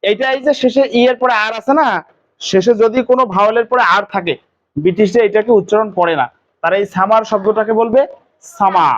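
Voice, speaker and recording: A man teaching an English pronunciation lesson to a class, quizzing students with quick questions. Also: high-pitched, muffled recording.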